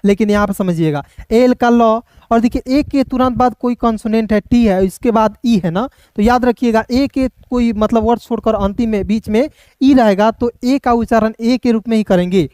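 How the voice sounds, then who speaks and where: A man teaches reading by spelling each word letter by letter and then sounding it out. He speaks somewhat softly and keeps checking in with his viewers. The sound is dry, with no room echo. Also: very high-pitched, normal speed, clear, resonant tone. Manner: keeps addressing viewers as friends and checking they follow.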